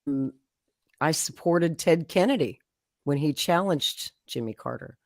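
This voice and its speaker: A woman from Oklahoma, USA, appears as a guest and tells her political life story in a chatty, conversational way, laughing often and acting out quotes. Her deep, expressive voice has vocal fry and a darkish tone at a measured pace, captured in a dry, studio-quality recording.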